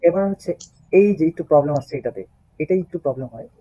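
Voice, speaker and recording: A man teaching German over a video call, patient and repetitive. His voice is dark and husky, and the call audio sounds dull and lo-fi. He sounds close to a laptop mic. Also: a little high, expressive, fast, no echo. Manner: patient, repeats each sound several times. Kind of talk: online class, spelling the alphabet aloud.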